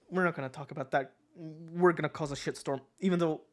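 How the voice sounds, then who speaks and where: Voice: medium pitch, normal speed. A streamer from Switzerland, chatting casually and thinking aloud while playing, joking and swearing as they guess. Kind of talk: casual gaming stream chat.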